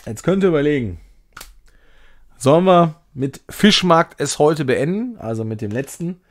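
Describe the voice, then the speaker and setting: A man with a slightly high, expressive voice narrates his gameplay on a live stream at a moderate pace. The commentary is casual, jokey and self-ironic, with lapses into mock-grand English.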